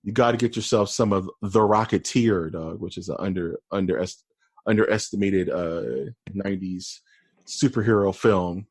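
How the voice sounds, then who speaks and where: A man co-hosting a podcast in casual, rambling chat, with a deep, bassy voice. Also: moderate pace, a little mellow, slightly rough, no room sound. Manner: laid-back, rambling, calls his friend dude and dog. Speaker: podcast co-host.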